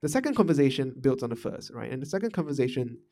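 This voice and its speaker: Quick and sing-song, with a dark tone and medium pitch, a Malaysian man muses on management for his podcast. His relaxed monologue is reflective and peppered with fillers and false starts.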